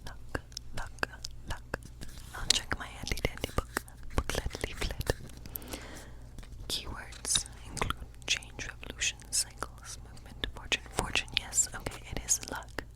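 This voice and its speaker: This is an ASMR role-play in which a woman portrays a friendly woodland witch reading tarot. Her whisper is breathy and leisurely, musing and reassuring. The recording is rough.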